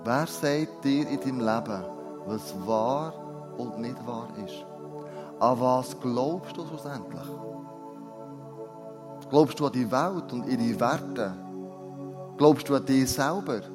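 A man's voice: mid-range voice, slow, pauses often. A man preaching a sermon, earnest and putting direct questions to his listeners. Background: soft new-age music.

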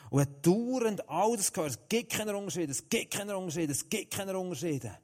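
A middle-aged man with a Swiss German accent, preaching a sermon full of personal stories, swinging from loud to hushed. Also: high-pitched, lively intonation, moderate pace.

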